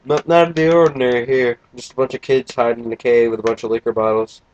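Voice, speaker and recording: A man's voice: medium pitch, fairly even intonation, fast talker, a little mellow, dull audio, a little hiss or hum. A young man casually commentating a video game, tired and yawning, with a crude, joking, rambling manner. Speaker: let's play gamer.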